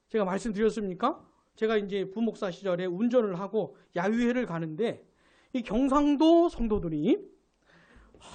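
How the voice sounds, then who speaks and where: A male pastor giving a live Sunday sermon, asking his congregation questions and building to loud emphatic peaks. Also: high voice. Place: church sanctuary.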